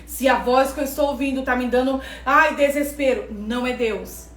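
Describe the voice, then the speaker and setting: Delivering an emphatic preaching lesson, a Brazilian-accented woman speaks fairly quickly in a high-pitched, steady voice, repeating phrases for emphasis. The recording picks her up from a distance in an echoey room, with faint ambience.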